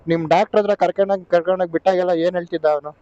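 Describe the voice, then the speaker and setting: A male motovlogger who talks fast in a fairly high but dark, mellow voice, weary and placating as he gives in. The recording sounds dull and lo-fi. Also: level tone. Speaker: motovlogger and rider. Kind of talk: comic motovlog sketch.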